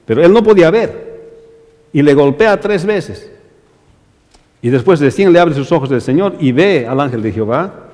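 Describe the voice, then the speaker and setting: A male pastor preaching a sermon emphatically, rising on repeated phrases and dropping low at the ends of lines, speaking directly to his brothers in the congregation. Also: animated, normal speed, long pauses, a little mellow, in a large hall.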